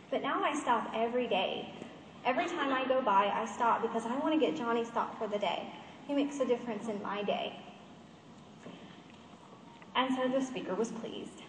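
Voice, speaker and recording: A woman's voice: a little high, slight background noise. A woman giving an earnest, emotional motivational talk at a conference, telling a story. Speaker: conference speaker. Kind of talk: motivational presentation. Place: large conference hall. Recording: echoey hall, far from the mic.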